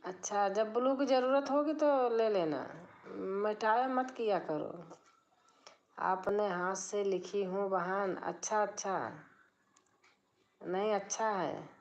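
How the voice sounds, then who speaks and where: The recording is muffled, and the middle-aged woman speaks slowly in a medium pitch, leaving long pauses. Hosting a live stream from her drawing room, she reads comments and chats casually, speaking softly with her voice kept down.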